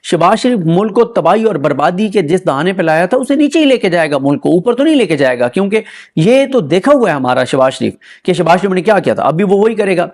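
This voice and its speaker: A man delivers a political commentary monologue with a noticeably high-pitched voice. He argues his point with sarcasm and keeps pressing rhetorical questions. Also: expressive, darkish tone.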